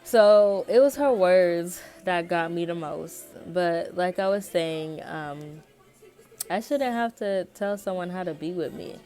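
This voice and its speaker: A young American woman with a voice a little on the low side talks as a vlogger. Her delivery is informal and colloquial. She rambles candidly through a personal story, as if chatting with someone she knows. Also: takes it slowly, warm tone, faint music behind. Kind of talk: casual personal chat to camera.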